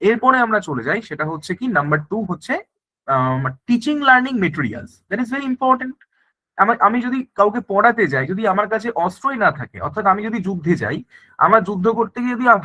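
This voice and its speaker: A male teacher gives an online exam-prep lecture at a brisk clip. His voice sits high and bright. He keeps checking in with the class as he explains. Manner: explains in mixed Bengali and English, repeats "thik ache" often.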